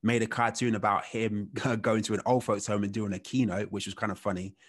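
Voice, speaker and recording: Guy in his 30s, lowish voice, chatty podcast guest, lots of "you know"s. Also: a little fast. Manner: relaxed, rambling, heavy on "you know" fillers. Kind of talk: casual storytelling interview.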